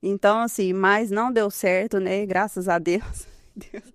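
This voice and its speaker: A woman in her thirties, a guest on an interview, shares her personal testimony in an earnest, conversational way. She often ends phrases with a questioning "né?" and laughs softly. Her voice is medium-pitched, steady, smooth, and unhurried, recorded dry with clean studio sound.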